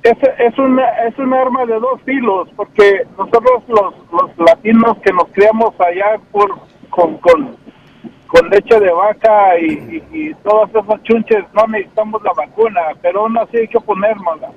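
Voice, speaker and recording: A male radio caller, his voice run through a phone voice-changing filter, jokes around in a call-in chat. He sounds high-pitched with lively intonation at a moderate pace, rambling as he tells stories and repeating words. The phone line is dull with faint noise.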